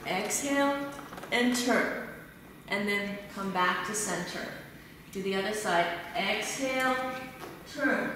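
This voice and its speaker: A woman in her thirties, a fitness instructor, calmly cueing breathing and form while demonstrating exercises in a large tiled living room. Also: medium pitch, takes it slowly, pauses often, a little hiss or hum. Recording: echoey room from far off.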